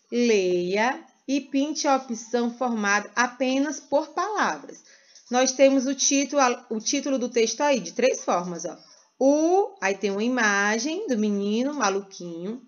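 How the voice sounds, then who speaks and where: Woman, Brazilian accent, first-grade teacher, sing-song, drawn-out words, slightly high voice, muffled lo-fi sound. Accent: Brazilian Portuguese. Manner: slow and sing-song, stretching words for small children. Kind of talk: teaching a recorded lesson to young children.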